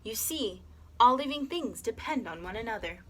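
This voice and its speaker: A woman's voice: on the high side, lively intonation, normal speed, pitched above the performer's own voice. A woman voicing a busy little storybook bee, explaining things earnestly. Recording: clear background noise.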